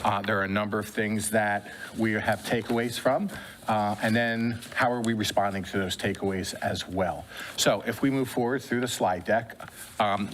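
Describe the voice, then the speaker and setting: A man's voice: lowish voice, fairly bright tone, slight background noise, low-quality recording. A man presenting to a school board in a formal but conversational way, with many "uh" fillers. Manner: measured, with frequent "uh" fillers. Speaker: school district administrator.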